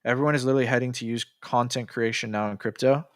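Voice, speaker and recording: A young man, tired from staying up late, livestreams about crypto, reading out chat comments and answering loosely and profanely, full of fillers and restarts. His mid-range voice is steady and quick, recorded at studio quality with no room sound.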